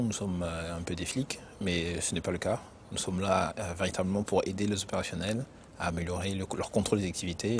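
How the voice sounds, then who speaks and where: A man who grew up in Benin, an internal auditor answering interview questions in a measured, explanatory way with frequent hesitations. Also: low voice, a little mellow, slight background noise. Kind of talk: corporate career interview.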